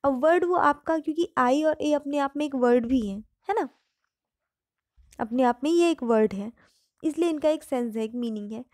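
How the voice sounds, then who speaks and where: High-voiced woman teaching grammar patiently. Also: normal speed, a little mellow, no echo, clean studio sound. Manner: patient, repeats and explains each term with examples. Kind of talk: explaining grammar lesson in Hindi.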